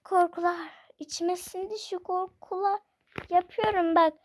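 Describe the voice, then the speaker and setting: A girl voicing a calm female doctor who coaxes a scared child before a shot, in a game role-play. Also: very high-pitched, measured pace. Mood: coaxing. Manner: coaxing, reassuring. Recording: noisy home recording.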